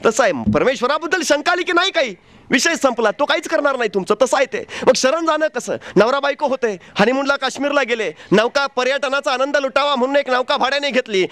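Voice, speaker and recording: A man's voice: extremely high pitch, pushed and bright, no room sound. A man giving a fervent motivational speech, telling stories and asking rhetorical questions. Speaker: motivational speaker.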